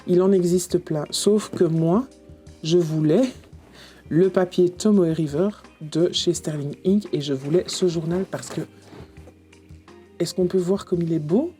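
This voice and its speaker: A woman talks casually about her journals and sketchbooks, chatty and self-mocking, with lots of restarts and fillers. Her voice is mellow and warm. Soft music plays faintly behind her. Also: fairly low pitch, unhurried. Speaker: journaling vlogger.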